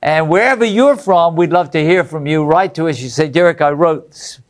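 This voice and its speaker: Speaking fairly quickly in a high-leaning voice, an English man presents a Bible study program. He reads out letters from viewers with good cheer and chuckles between remarks.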